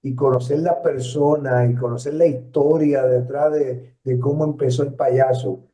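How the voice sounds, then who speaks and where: Speaking with a Puerto Rican Spanish accent, this retired journalist in his seventies reminisces as an interviewee, his medium-pitched voice steady and warm. He pauses and restarts often, filling gaps with hesitations as he reflects. The sound is lo-fi, dull and distant, as if recorded in a roomy space.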